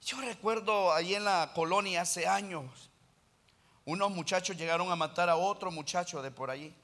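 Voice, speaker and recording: A man preaching a sermon with passion, calling his listeners brother and rising into loud stretches. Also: sits high, normal speed. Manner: impassioned preaching, addresses listeners as brother, rises to loud passages. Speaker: pastor.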